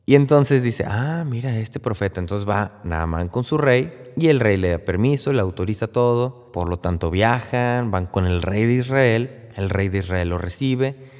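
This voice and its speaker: Give me a man preaching conversationally, slightly low pitch, in a reverberant hall. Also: expressive, normal speed, a little mellow. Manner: conversational, frequent tag questions. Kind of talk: Lenten sermon retelling a Bible story.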